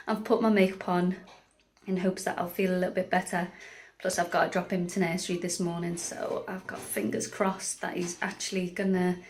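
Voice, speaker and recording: Tired, chatty mum vlogger. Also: female voice, fairly low pitch, flat delivery, brisk, slight background noise. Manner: chatty and rambling, with frequent ums. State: tired and run down. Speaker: vlogger, stay-at-home mum. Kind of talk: casual vlog chat.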